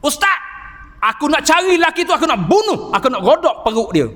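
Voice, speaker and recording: A man's voice: very high voice, big pitch swings, fairly quick, bright, forceful tone, pitched above the performer's own voice, heavily acted. A man acting out an enraged uncle who is vowing revenge, in a sermon. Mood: furious. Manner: furious, threatening. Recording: reverberant mosque hall.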